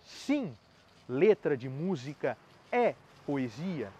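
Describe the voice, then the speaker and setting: Higher-pitched man teaching poetry. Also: very animated, takes it slowly, a little mellow, slight background noise. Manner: explanatory, with frequent tag questions and restarts. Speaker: channel host. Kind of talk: spoken lesson on poetry.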